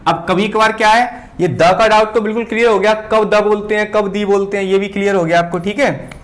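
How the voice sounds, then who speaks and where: A male teacher giving a whiteboard grammar lesson, pausing and repeating words as he writes. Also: high-pitched, steady tone. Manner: slow, repeats words while writing, often says "ठीक है".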